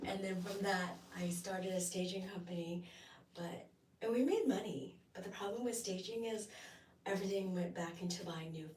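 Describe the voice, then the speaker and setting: A woman chatting casually on a live stream while decorating her office, a bit hoarse from a cold and rambling with lots of ums. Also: mid-range voice, normal speed, darkish tone. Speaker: vlogger.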